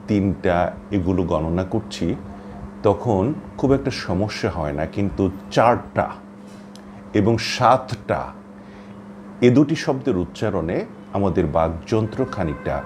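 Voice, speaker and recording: A man giving a pronunciation lesson, speaking slowly and carefully and drawing out example words. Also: lowish voice, warm tone, a little hiss or hum. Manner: slow, careful, drawn-out word demonstrations. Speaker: pronunciation teacher. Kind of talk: instructional talk.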